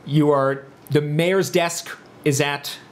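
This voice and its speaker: Man, game master, playful joking narration, slightly high voice, faint background hiss. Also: steady tone, slow.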